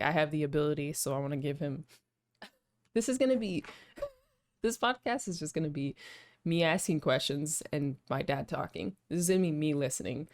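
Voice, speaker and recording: A young woman hosting a casual podcast chat over a call, sounding groggy and sleepy, talking tentatively with many fillers. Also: deep voice. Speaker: podcast host. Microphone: video call.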